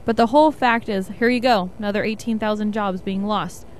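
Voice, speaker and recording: A woman's voice: mid-range voice, steady tone, brisk, slight background noise. A woman co-hosting a radio talk show, airing strong opinions in casual chat. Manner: opinionated, laughs easily.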